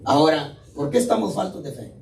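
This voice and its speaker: A male pastor preaches in a chatty, conversational way and keeps asking his listeners whether they follow. His voice is a little high for a man. It comes from some way off the mic in an echoey church hall with faint room noise. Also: big pitch swings, a little fast, a little mellow, recorded from a distance. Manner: conversational, keeps checking in with the congregation. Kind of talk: sermon.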